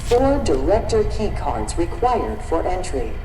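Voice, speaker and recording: Brief: a game's door intercom speaker, clipped and slow, lowish voice with room echo. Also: female voice, big pitch swings, heavy background noise. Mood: flat automated. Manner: slow, clipped, automated notices. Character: clipped adult female security system voice. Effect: security door intercom speaker. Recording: distant echoey speaker under loud music.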